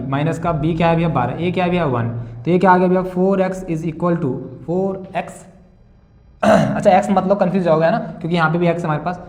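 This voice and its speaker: A man's voice: a little high, darkish tone. A young male maths teacher solving board-exam problems, calling students "beta" and "bhaiya" and asking and answering his own questions. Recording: echoey room.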